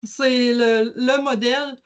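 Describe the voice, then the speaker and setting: A woman's voice: on the high side, steady tone, slow. A woman presenting a webinar, explaining a digital library in a casual way with many fillers and restarts. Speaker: educational services presenter. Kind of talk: webinar software demonstration.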